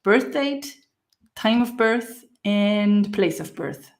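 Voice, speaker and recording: A woman guest on a video call, earnest and halting, with frequent restarts. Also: mid-range voice, expressive. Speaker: guest, chart reader. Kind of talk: casual interview talk.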